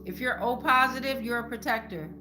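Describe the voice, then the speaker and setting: A woman with a fairly high voice speaks briskly over a noisy background. She hosts a channel and gives viewers an informal spiritual tarot reading, talking colloquially and repeating phrases like incantations.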